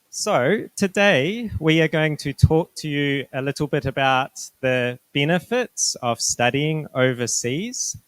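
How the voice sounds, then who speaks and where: A university director from New Zealand, middle-aged and speaking with a New Zealand accent, walks students through an informational presentation politely and in measured, explanatory tones. His voice is medium-pitched and a bit bright, with a dry recording.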